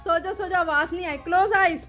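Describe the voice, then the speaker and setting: Brief: woman in her 30s, family vlogger, playful and teasing with her kids, high voice, music underneath. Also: steady tone, moderate pace. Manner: playful, coaxing kids with laughs. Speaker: vlogger and mother. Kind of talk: casual family vlog.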